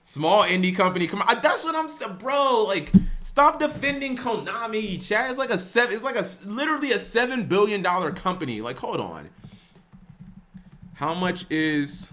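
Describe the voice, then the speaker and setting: A man's voice: high-pitched, expressive, normal speed, a bit bright, a little hiss or hum. A young man streaming, ranting casually to his live chat with lots of restarts and some swearing.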